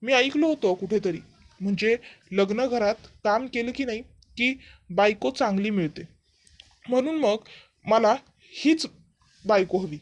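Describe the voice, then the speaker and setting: A woman's voice: fairly high pitch, lively intonation, unhurried, pauses often. A woman voicing a cheeky young man who teases his rival. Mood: teasing.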